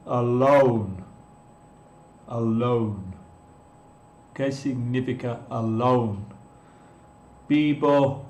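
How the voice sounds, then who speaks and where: Man, language teacher on a live stream, unhurried patient delivery, echoey room. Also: medium pitch. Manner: patient, repeats words, answers chat viewers. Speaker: English teacher. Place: room in Mexico.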